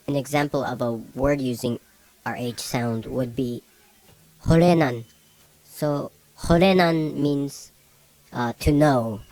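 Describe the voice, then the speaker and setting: Male teacher for a beginner lesson. Slow, patient delivery with repeated words. Dry recording. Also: medium pitch, darkish tone, no room sound. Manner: slow, repeats each word several times. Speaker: language teacher.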